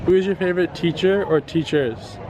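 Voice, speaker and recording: A man's voice: high-pitched, brisk. A man asking short, plain interview questions. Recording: echoey, noisy, crowd and traffic behind.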